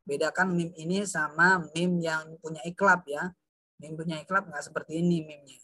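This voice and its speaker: A man's voice: a little high, fairly even intonation, normal speed, bright, forceful tone, no room sound. A man teaching a class of pupils in a chatty way, with frequent fillers, addressing the students fondly as children. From Indonesia. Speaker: religious studies teacher. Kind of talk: online class lesson.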